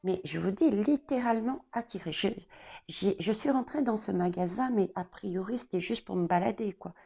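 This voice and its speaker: A woman giving an oracle card reading, talking straight to the viewer and pausing often on fillers. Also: medium pitch, vocal fry, dark tone, breathy edge. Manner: hesitant, many fillers and restarts, addresses viewers directly. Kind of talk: casual spoken card reading.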